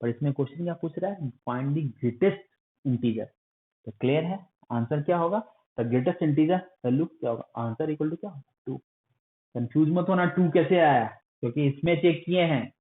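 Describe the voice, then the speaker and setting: A man's voice: a little high, moderate pace. Man lecturing over a tinny lo-fi line. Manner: coaxing, scolding students like a strict elder. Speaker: math teacher. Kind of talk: online lecture. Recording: phone-like lo-fi recording.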